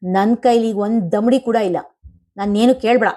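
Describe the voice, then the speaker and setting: A proud young husband, quick to anger, his voice rising sharply as he argues about money, read by a woman telling a family story. He sounds bitter and wounded in his pride, and his lines come out high and pushed. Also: dark tone, close to an everyday voice. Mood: angry. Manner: raised, resentful voice.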